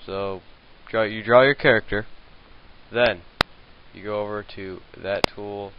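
A young man with a fairly low voice walks through a software tutorial, talking casually and hesitantly with lots of okays and fillers. His handheld mic sounds dull and lo-fi, with a clear hiss running under everything. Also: steady tone, a little slow. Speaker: tutorial maker. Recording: lo-fi hissy home mic.

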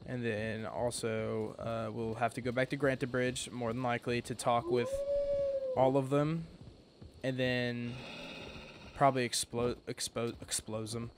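A man's voice: medium pitch, flat delivery, a little slow, noisy background. A man giving casual, rambling gameplay commentary, sleepy and yawning, correcting himself often. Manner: rambling, many fillers and restarts, self-correcting. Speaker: gaming commentator.

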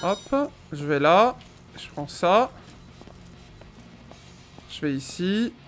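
A young man gives casual, slangy game commentary from a small room. His voice is very high for a man and swings in lively exclamations to his viewers. Music plays behind him. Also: very slow. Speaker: gaming video host. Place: small indoor gaming room.

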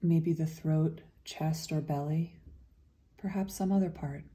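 The meditation guide is a woman whose voice is very soft, dark, and relaxed, pitched low. Her gentle, leisurely speech is broken by long, soothing pauses.

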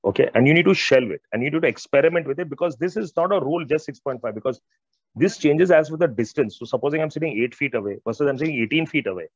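Animated and fast, with a voice a little high, a middle-aged Indian-accented man presents technical material as an audio expert on a video call. He speaks informally and emphatically, repeating phrases and addressing listeners directly. Through wired earphones, the audio sounds dull and band-limited, with no room sound.

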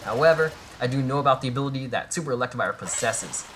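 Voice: mid-range voice, animated, a bit bright, slight background noise, lightly acted. A player voicing a formal ghost guardian. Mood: earnest. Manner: measured, polite and formal.

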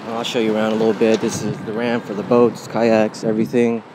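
A man's voice: fairly low pitch, little pitch movement, a little fast. A young man vlogging while fishing from an outdoor pier, chatty and upbeat, recorded on a head-mounted action camera. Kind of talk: casual vlog narration. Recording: outdoor camera audio with clear noise.

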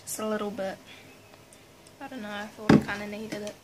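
This casual home cooking vlog is hosted by a woman in her twenties who chats playfully and makes fun of herself, speaking fairly quickly in a mid-range monotone. It's filmed up close in a small kitchen at night. The home recording is noisy, with pots, cutlery and dishes clattering loudly.

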